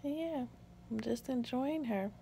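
A young woman speaking softly and tenderly in a hospital room, tired and sore after giving birth. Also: sits high, a little slow, creaky, rough recording. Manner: soft, hushed, tender. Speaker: vlogger. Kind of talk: quiet casual vlog chat. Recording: loud background noise.

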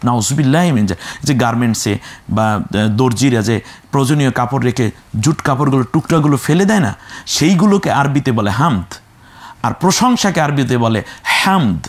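A man's voice: medium pitch, expressive, a little fast. A man teaching children to read the Quran, patiently drilling letters and syllables aloud and growing emphatic when he warns about mispronunciation. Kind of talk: children's Quran reading lesson.

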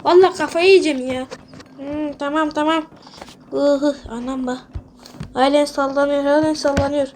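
High-voiced woman, excitable game commentary. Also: moderate pace, background noise. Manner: excitable, panicky exclamations. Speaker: gaming video creator. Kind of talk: role-played commentary over a sandbox game.

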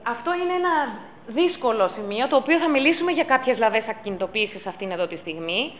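A woman's voice: fairly high pitch, expressive, phone-quality sound, slight background noise. A woman teaching pet first aid at a public talk, stressing and repeating her key points. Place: council chamber.

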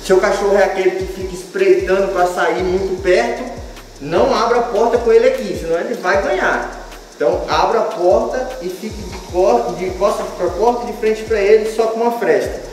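A man's voice: high-pitched, a little mellow, slight background noise. A Brazilian man in his thirties giving an informal dog-training demonstration, explaining and repeating key phrases for emphasis. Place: large bare tiled room indoors. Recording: very echoey room, distant mic, background music.

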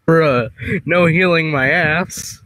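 A man's voice: fairly high pitch, slow, sharp tone, slight background noise, low-quality recording. A man joking around and firing back comebacks while playing a game. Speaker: gaming partner. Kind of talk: casual gaming chat.

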